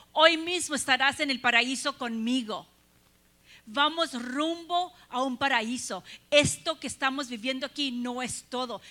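Woman preacher, high bright voice, earnest sermon with rhetorical questions.

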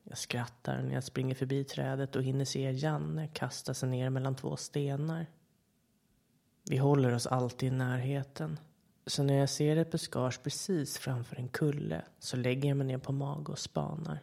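Brief: podcast horror narrator, calm and measured, mid-pitched voice with a gravelly rasp. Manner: calm, measured storytelling with short quoted voices. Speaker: podcast storyteller.

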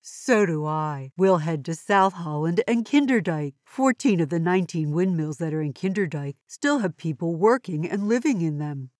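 A woman voicing a calm, sensible girl who explains things in a measured, articulate way for a children's educational audio story. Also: fairly low pitch, dry recording, clean studio sound, lightly acted. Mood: informative.

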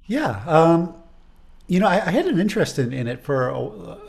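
A man's voice: a little high, big pitch swings, moderate pace, vocal fry. A man with a Chicago accent who teaches music, talking casually in an interview. He is thoughtful and rambling, and often repeats words as he gathers his thoughts.

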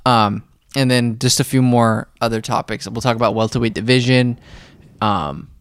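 A young man rambles through a casual podcast chat, laughing easily as he talks. His voice is smooth and clear. It sounds dry and close, with no room echo. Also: medium pitch, moderate pace. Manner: chatty, rambling, laughs often. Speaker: podcast host.

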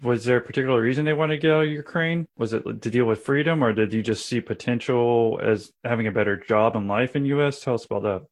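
A man interviewing a guest, asking curious, quick questions. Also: medium pitch.

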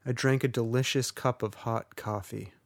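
A podcast co-host with a medium-pitched voice chats casually at normal speed in a steady tone, on a dry recording. He rambles, stays wry, and pokes fun at himself.

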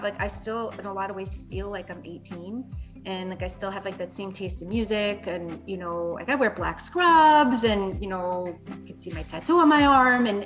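A woman's voice: mid-range voice, muffled recording. A woman in her forties, a dentist hosting a podcast, chatting candidly and with self-deprecating humor. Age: 40s. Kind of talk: casual panel chat.

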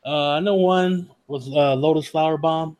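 A man's voice: on the high side, fairly even intonation, normal speed, a little mellow. A man chatting casually among friends, laid-back and joking, laughing easily. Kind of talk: casual chat.

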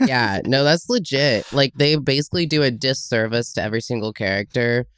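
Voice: mid-range voice, fairly quick, a bit bright, clear, resonant tone, no echo. Rambling co-host, dry close sound. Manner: rambling, hedging with many fillers. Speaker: podcast co-host. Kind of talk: casual chat.

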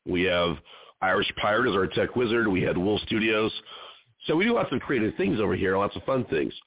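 A man's voice: on the low side, animated, a little fast, slightly rough, dry recording. A man hosting his own independent show, asking long, rambling questions in a loose, conversational way. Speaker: host and producer of an independent show. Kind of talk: interview hosting. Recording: dry, tinny phone-line sound.

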